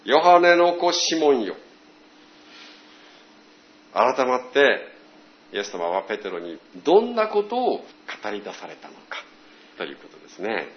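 A man preaching a sermon as pastor, telling stories with animated voiced quotes. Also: lowish voice, normal speed, reverberant, highs cut off.

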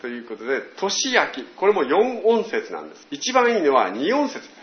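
A man preaching a sermon as pastor, telling stories with animated voiced quotes. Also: fairly high pitch, fairly quick, echoey room, dull audio.

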